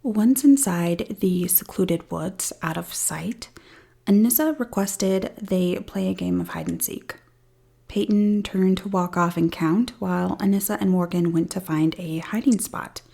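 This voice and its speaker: A woman's voice: medium pitch, measured pace, gravelly, mellow, slightly rough. A woman hosting a true crime podcast, retelling a case with dry, sarcastic asides. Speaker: podcast host. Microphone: studio-style podcast mic.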